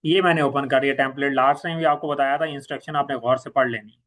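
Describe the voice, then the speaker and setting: In an informal software tutorial, a Pakistani-accented trainer whose native language is Urdu goes step by step, repeating key points and blending in English terms. He talks fast at medium pitch with fairly even intonation.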